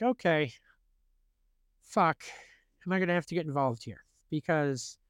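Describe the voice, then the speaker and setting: A young man hosting a podcast, telling a story in a casual chat, animated, swearing freely and acting out the quotes. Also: fairly high pitch, no echo. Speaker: podcast host.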